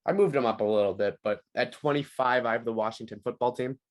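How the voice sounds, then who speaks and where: Young male podcast co-host, easygoing, medium pitch, lots of ums. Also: fast. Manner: laid-back, frequent ums and laughs. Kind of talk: casual sports chat.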